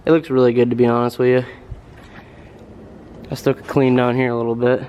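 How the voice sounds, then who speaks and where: A man's voice: mid-range voice, level tone, brisk, darkish tone, a little hiss or hum, rough recording. A young man casually talking through his car work in a rambling, laid-back way with lots of fillers. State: out of breath. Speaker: car vlogger. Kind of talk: casual garage vlog. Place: garage by a car, then outdoors in wind.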